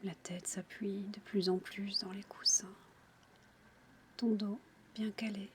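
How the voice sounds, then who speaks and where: A woman speaks in a close, intimate whisper, entirely breathy. She gives soothing relaxation instructions at a very slow pace with little melodic movement. A faint ambient noise sits behind her voice. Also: medium pitch, flat delivery, darkish tone. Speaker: relaxation guide for childbirth. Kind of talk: whispered ASMR guided relaxation.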